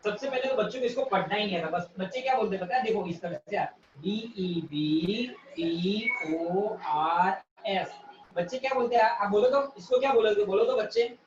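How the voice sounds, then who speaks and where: A male teacher giving a live online class, repeating definitions slowly and quizzing students by name. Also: very high-pitched, background noise. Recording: echoey, distant, dull sound.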